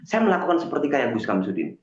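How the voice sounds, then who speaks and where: A man's voice: mid-range voice, sing-song, fast talker, slight background noise. A man telling a story earnestly on a live stream. He hesitates often and restarts his sentences with many fillers. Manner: earnest and confessional. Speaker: guest on a live stream, self-styled healer. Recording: echoey, dull lo-fi stream audio.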